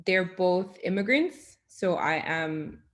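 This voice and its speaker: A woman answers an impromptu question on a video call, frank and thinking aloud with many pauses. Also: fairly low pitch, lively intonation. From United States, Cuban parents.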